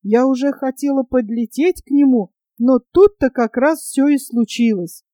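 A woman plays a boastful little magpie in a storybook reading, chattering in a quick, high-set voice. Her tone is mellow and dark, and the sound is close and dry. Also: no room sound, lightly acted. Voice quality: rapid, chattering.

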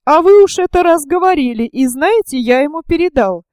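Blunt scheming young man in an audiobook, curt and rough, read by a woman, mellow and dry. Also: high voice, expressive, fairly quick, dry recording, pitched above the performer's own voice.

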